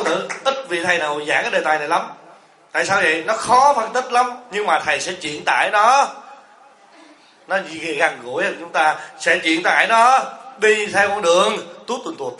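Monk guy preaching w jokes, bright sharp voice, big echoey room. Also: fairly high pitch, a little hiss or hum. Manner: asks the audience rhetorical questions, jokes and teases. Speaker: Buddhist monk teacher. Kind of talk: humorous sermon. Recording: echoey hall.

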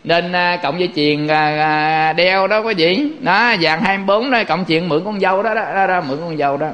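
Man, Southern Vietnamese accent, high voice, folksy Buddhist sermon, animated storytelling. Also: fairly quick, lo-fi sound. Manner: folksy, animated, acts out quotes. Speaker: Buddhist monk teaching. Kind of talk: Buddhist dharma talk.

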